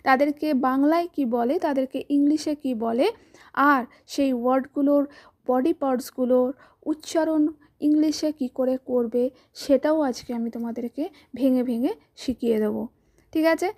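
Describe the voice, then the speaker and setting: A woman with a Bengali accent gives a children's English lesson. Her voice sits high but sounds mellow and soft-edged. She is patient and spells each word out letter by letter, recorded close to the mic. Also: unhurried. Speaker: teacher.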